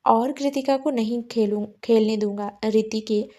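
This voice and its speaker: A woman voicing an earnest, gentle young husband in a spoken love story. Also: on the high side, fairly even intonation, a little slow, lightly acted. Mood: earnest, tender. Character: young man, caring husband.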